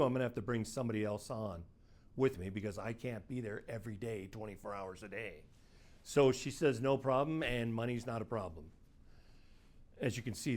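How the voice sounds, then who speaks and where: A middle-aged man recounts a case from his work as a private investigator. He talks in a plain, conversational way, stepping in and out of the people he describes. His voice sits at an ordinary middle pitch. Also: darkish tone. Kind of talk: first-person case storytelling.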